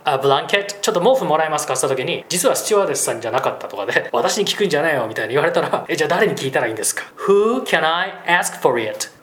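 A man who runs an English school, explaining travel phrases in a casual lesson and slowing down to model English examples. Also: a little high. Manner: lively, drops into slow English demo phrases. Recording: roomy echo.

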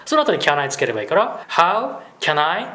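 A man who heads an English school gives a casual, animated lesson, talking quickly and then slowing for demo phrases. The sound is roomy and echoey. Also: fairly high pitch. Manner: lively, drops into slow English demo phrases. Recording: roomy echo.

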